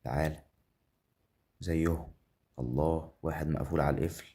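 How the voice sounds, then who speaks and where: A man's voice: a bass voice, fairly even intonation, brisk, warm tone. A man with an Egyptian accent giving chatty live commentary on a game, counting winnings aloud and talking straight to the viewer. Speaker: gambling game streamer.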